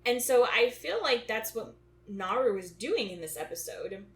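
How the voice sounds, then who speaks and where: A woman's voice: on the high side, big pitch swings, moderate pace, echoey room, a crowd in the background. A woman co-hosting a podcast in casual chat, thinking aloud with frequent restarts. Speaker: podcast co-host.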